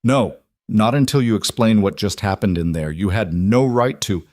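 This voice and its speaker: A man's voice: fairly low pitch, normal speed, darkish tone, dry recording, natural voice. A man voicing a guarded, angry young wife who speaks sharply and indignantly.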